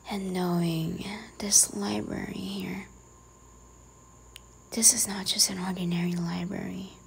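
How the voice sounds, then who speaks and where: A woman in a whispered role-play, playing a strict, teasing librarian who quietly scolds a careless visitor. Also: on the low side, little pitch movement, takes it slowly, gravelly, a little hiss or hum. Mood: hushed, teasing menace.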